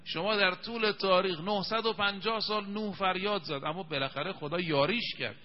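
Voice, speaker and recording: Slightly high man preaching in reverb. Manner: emphatic storytelling, slows to recite scripture. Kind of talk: televised religious sermon. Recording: dull lo-fi sound with long reverb.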